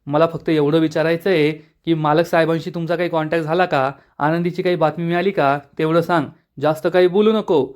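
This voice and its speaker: Man reading as a fed-up young woman telling people off, sharp and upset. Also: a little high, fairly even intonation, fairly quick, few pauses, lightly acted. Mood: indignant. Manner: indignant, scolding. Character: angry young woman defending her sister.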